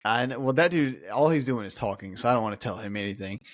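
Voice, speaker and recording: A man's voice: mid-range voice, fast, dry recording, studio quality. A man co-hosting a sports podcast, chatting casually with joking asides and lots of fillers. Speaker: podcast co-host.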